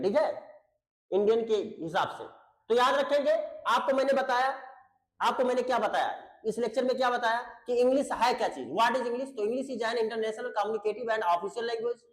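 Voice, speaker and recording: In an online video lecture, a man teaches English grammar with patience, repeating his points, checking that students follow, and calling them beta and babu. His voice is extremely high, and the room sounds echoey.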